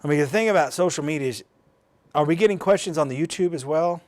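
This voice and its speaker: A fast-talking American man with a fairly high voice hosts a live demonstration of programming a weather radio. He explains things casually and folksily, off the cuff, reasoning aloud as he goes.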